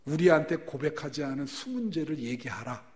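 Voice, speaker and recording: A man voicing accusing old friends, blunt scolding tone, lively pitch swings, sermon retelling. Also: a little fast, close to an everyday voice.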